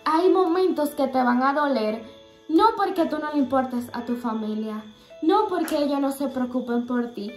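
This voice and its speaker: High-pitched young woman sharing a faith testimony, earnest and halting, roomy echo. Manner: earnest, halting, many fillers and restarts.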